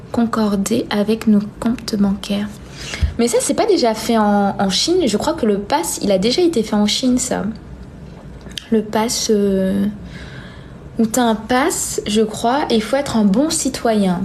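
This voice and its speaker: A live-stream host, this young woman answers viewer comments she reads aloud, chatting informally at a measured pace. Her soft-edged, mellow voice sits slightly high, her phrases are hesitant and trail off, and faint noise can be heard behind her.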